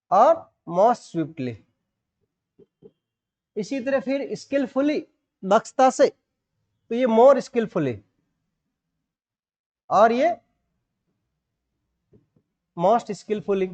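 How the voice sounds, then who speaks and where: Teaching grammar online, a man with a Rajasthani Indian accent speaks in a high-pitched, darkish voice. He spells words letter by letter and explains the rules in steps, all on dull lo-fi audio.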